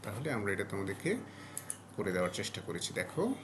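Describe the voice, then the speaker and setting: A man's voice: fairly low pitch, sing-song, quick pace, background noise. A man explaining a primary school math lesson step by step, patient and repetitive, with frequent fillers and self-corrections. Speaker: math tutor.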